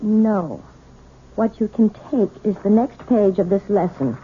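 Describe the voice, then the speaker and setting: An actress playing a troubled, guarded, weary wife in a radio drama, speaking hesitantly and evasively. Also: female voice, mid-range voice, animated, measured pace, breathy edge, phone-quality sound. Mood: distracted. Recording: thin, band-limited old radio recording.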